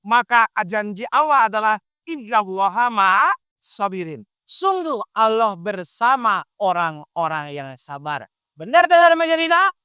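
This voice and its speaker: A preacher in full flow, teaching a live audience with a steady stream of questions. His voice is bright and crisp, and the recording is dry and close. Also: very high-pitched, no echo. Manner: animated, quizzes the audience with questions. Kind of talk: lively interactive sermon.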